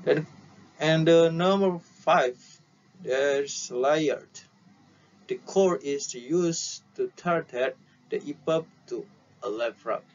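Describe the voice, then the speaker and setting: A young Indonesian man teaching maritime safety explains slides informally in an indoor room, speaking into a headset at a computer. His voice is on the high side, and he's unhurried and halting, repeating key terms as he explains, while the dull lo-fi audio carries clear background noise.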